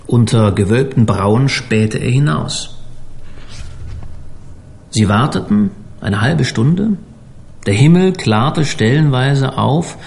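Slow, lively German storyteller man. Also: mid-range voice. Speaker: audiobook reader. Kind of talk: scripted narration.

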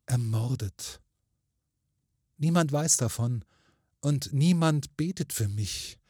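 A man's voice: mid-range voice, lively intonation, slow, warm tone, slightly rough, no echo, studio quality, voice pushed up. A man voicing the faint, sweet ghost of a murdered young woman in a storybook reading, pleading and lamenting. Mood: mournful.

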